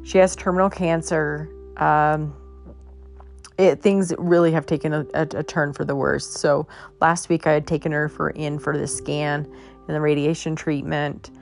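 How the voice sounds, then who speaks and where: A woman host telling a personal story in a casual, halting way, her voice worn as if she is losing it. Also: low-pitched, level tone, vocal fry, soft background music. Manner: halting, many fillers and restarts. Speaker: podcast host.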